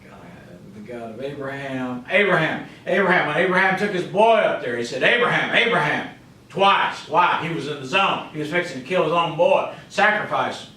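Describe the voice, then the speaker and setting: A male pastor preaches in an echoey church sanctuary, his fairly high, expressive voice moving at normal speed with hardly any pauses. He alternates between loud, emphatic calls and quiet asides, sprinkling in "you know" and "amen", all picked up by a mic set at a distance.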